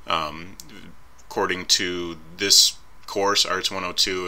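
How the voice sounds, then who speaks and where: A man lectures over slides in a casual, conversational way, pausing on fillers and fixing his own slips. His voice sits very low but has a crisp, forceful brightness. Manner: informal, thinking aloud with fillers and self-corrections. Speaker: instructor.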